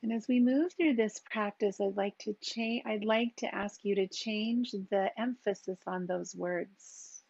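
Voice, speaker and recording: A woman teaching a yoga class, giving calm and gentle cues for breath and posture with long pauses. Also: medium pitch, gravelly, dry recording, dull audio. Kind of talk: guided yoga and meditation instruction.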